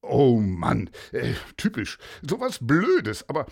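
A man voicing a kindly retired old police inspector who speaks calmly and asks puzzled questions. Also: medium pitch, slow, creaky, slightly rough, exaggerated voice. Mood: musing.

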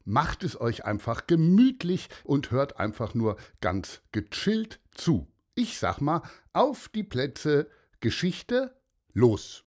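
Ein Mann, der Kindern eine Geschichte vorliest und sie direkt anspricht, plaudernd und gemütlich. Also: male voice, a little high, very animated, takes it slowly. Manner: warm, chatty, addresses children directly. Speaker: storyteller. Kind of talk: children's story narration.

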